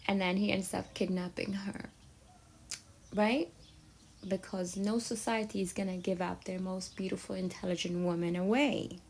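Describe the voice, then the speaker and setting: Woman from somalia chatting through a story, bit of vocal fry, keeps going "yeah? right?". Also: medium pitch, flat delivery, moderate pace, a little mellow, a little hiss or hum, rough recording. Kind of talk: casual storytelling monologue.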